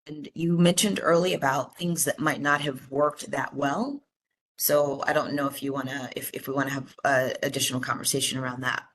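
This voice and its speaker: A woman's voice: rumbling low, fairly even intonation, moderate pace, fairly bright tone. A woman chairing a commission meeting over a video call, speaking with many fillers and restarts. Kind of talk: virtual meeting discussion.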